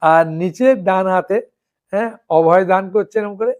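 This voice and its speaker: A male monk delivers a devotional sermon in a rather high voice. He keeps checking that his listeners follow him and recites lists of names slowly, one at a time. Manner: keeps asking listeners "understood?". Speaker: monk preacher.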